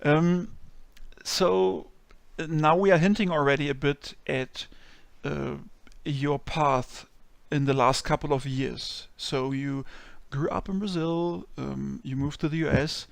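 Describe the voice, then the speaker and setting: Gravelly-voiced man interviewing casually. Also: on the high side, steady tone, slow, no echo. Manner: friendly, hesitant questions with many ums.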